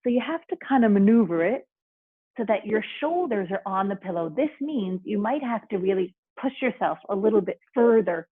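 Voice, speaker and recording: Phone-like narrow recording, female yoga instructor, slightly husky, soothing guided instruction. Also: medium pitch, expressive, moderate pace, dry recording.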